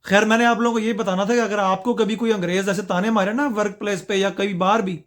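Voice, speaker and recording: A man from Pakistan in his thirties with a Pakistani Punjabi accent, telling a comic story in an animated, sarcastic manner. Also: high-pitched, fast talker. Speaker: vlogger.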